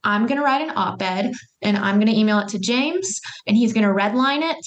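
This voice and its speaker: On a muffled recording, a young Huntsville, Alabama woman with an expressive, medium-pitched voice chats as an interview guest. She's a lively storyteller who drops quick asides and lots of filler words.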